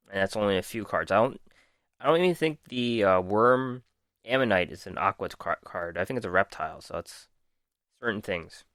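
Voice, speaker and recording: Here a podcast host speaks in a lowish, slightly bright, clean-toned voice, recorded at studio quality with no echo. His voice is going as he methodically reads out card text for a casual card game review, dropping many ums.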